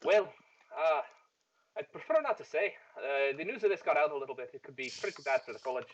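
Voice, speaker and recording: A man voicing a discreet male employer from a college in a tabletop game, speaking in a measured, hesitant way, on a dull lo-fi recording. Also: a little high, animated, slight background noise, natural voice. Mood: guarded.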